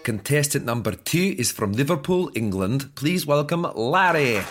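A man playing a deadpan, officious game-show host in a radio comedy, delivering his patter formally. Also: medium pitch, normal speed, background noise, close to an everyday voice. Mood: showy, officious.

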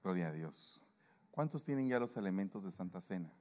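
A male pastor preaching to his congregation and leading communion, lively and acting out the voices of people he quotes. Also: sits low, a little fast, big-room sound. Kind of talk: sermon and communion prayer. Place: church.

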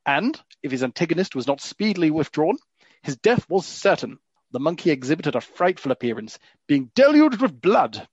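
A man's voice: on the high side, sing-song, slightly rough, dry recording, pitched above the performer's own voice. A man doing an old-timey storyteller voice. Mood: grandiose. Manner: dramatic, measured period delivery. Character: old-timey male narrator reading a period account. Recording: dull lo-fi dry recording.

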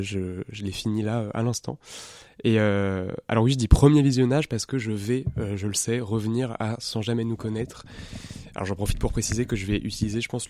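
A man's voice: on the low side, a little mellow, dry recording. Guy doing a film review on radio, lots of ums, earnest, dry close mic. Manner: hesitant, many fillers, earnest. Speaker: film critic. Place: radio studio. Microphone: studio microphone.

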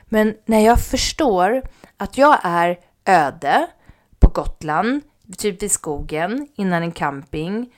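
A woman of ordinary pitch recounts a personal story in an easy, casual way. She talks with animation, voices other people's lines and now and then sinks to a near-whisper. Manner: animated, acts out quoted speech, drops to near-whispers. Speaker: mother telling a personal story. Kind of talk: casual spoken anecdote.

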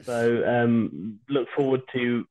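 A British man hosting a podcast in casual, rambling, hesitant chat with dry humour, recorded at home over a low-quality video call. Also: steady tone, takes it slowly, a little mellow. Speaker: podcast host. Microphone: video call without his usual microphone. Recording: low-quality online stream, phone-like sound.

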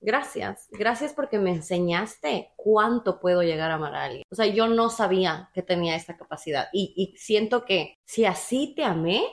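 A woman hosting a podcast, talking in casual chat, emphatic and animated, often acting out her own words. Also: mid-range voice, normal speed, hardly any pauses. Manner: emphatic and animated, quotes herself. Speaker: podcast host.

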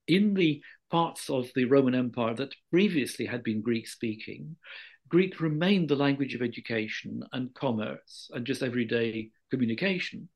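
A guest expert in an interview explains history in a measured, scholarly manner, often rephrasing himself with careful qualifications. His voice is medium-pitched, a little mellow, and husky.

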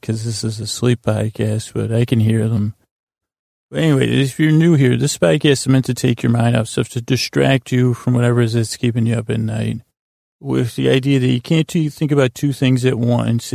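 This sleep podcast features a middle-aged man musing his way through a bedtime monologue, stop-start and self-deprecating, with dry whimsy, many pauses and half-finished digressions. His medium-pitched voice is creaky and a little mellow, recorded dry at studio quality.

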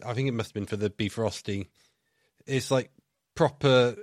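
A man's voice: mid-range voice, moderate pace, dry recording, clean studio sound. A man hosting a casual podcast interview, chatty and joking, appealing to listeners and asking questions. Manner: chatty, conversational, self-deprecating jokes. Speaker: podcast host.

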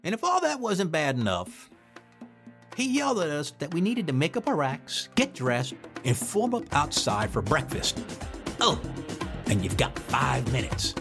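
A man telling his own story in a casual podcast, animated and freely swearing. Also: fairly high pitch, moderate pace, faint music behind. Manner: animated, swears freely, acts out shouted drill orders. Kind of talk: casual first-person storytelling.

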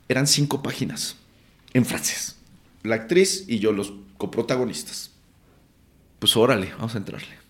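A man's voice: medium pitch, slight background noise. A man from Mexico City with a Mexican Spanish accent, telling a story in a casual interview and acting out the voices of the people in it. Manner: animated, acts out quotes, swears casually. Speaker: actor guest.

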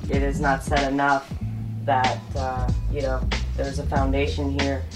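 A woman in her thirties from Costa Rica, a podcast guest speaking in a measured, earnest way. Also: a bass voice, completely flat delivery, loud music behind the voice. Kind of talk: casual interview.

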